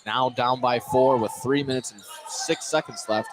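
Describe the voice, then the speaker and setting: A man gives live basketball play-by-play as the announcer, speaking at a moderate pace with a medium-pitched, steady tone. Behind him is the noise of a busy gym, with balls bouncing.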